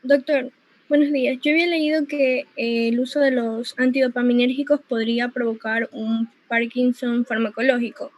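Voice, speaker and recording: A woman's voice: a little high, fairly even intonation, normal speed, rough recording. A woman student politely and formally asking her lecturer a question in an online class.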